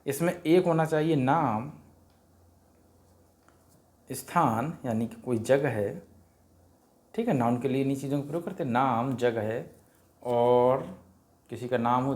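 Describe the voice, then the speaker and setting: A man walks through a grammar worksheet, chanting vowel sounds in a sing-song drill. He keeps posing questions and answering them himself, in a middle-pitched voice. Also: a little slow, long pauses, darkish tone. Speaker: teacher explaining a worksheet. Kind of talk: Hindi grammar lesson for parents.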